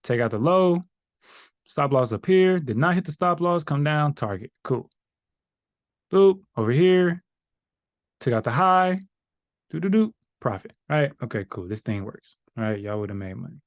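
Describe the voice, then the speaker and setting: Animated man teaching a trading class. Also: mid-range voice, moderate pace. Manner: casual and animated, with sung filler sounds and asides to the chat. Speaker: trading instructor. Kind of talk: live class walking through stock charts.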